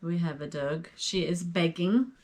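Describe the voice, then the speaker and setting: A woman co-hosts a relaxed podcast, mostly backing up her partner with quick words of agreement. Her voice sits a little low, and she speaks in easy, conversational bits. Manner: brief affirming replies, backchanneling. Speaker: podcast co-host. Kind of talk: casual podcast chat.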